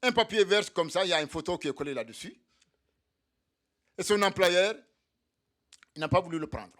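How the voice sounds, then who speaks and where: High-voiced man rallying comrades. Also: animated, moderate pace, a bit bright. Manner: militant, repetitive rallying address to comrades. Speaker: activist speaker for undocumented migrants. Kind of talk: speech at a solidarity evening. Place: meeting hall.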